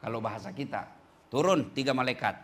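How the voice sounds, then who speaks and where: A man's voice: medium pitch, brisk, fairly bright tone. A middle-aged man preaching a humorous sermon to women, joking and switching voices for the people he quotes.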